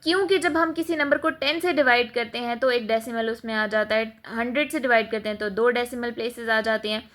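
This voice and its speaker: A woman's voice: a little high, fairly even intonation, a little fast, a bit bright. Patient woman teacher. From Pakistan. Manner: patient, step-by-step, mixes English math terms into Hindi-Urdu. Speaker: math teacher. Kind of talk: classroom lesson explaining on a board.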